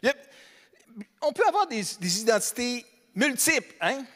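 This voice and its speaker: A pastor from the Beauce region of Quebec preaches in a church hall with a Québécois French accent, keeping it conversational and funny while quizzing the congregation. His voice is extremely high, sing-song and sharp at a normal speed. The recording carries long hall reverb.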